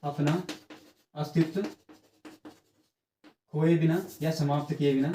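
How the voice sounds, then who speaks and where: A man's voice: fairly high pitch, steady tone, slow, mellow, slight background noise. A man giving an exam-prep grammar lesson, explaining step by step, checking in with his students and stretching sounds out to demonstrate them. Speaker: teacher. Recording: echoey room.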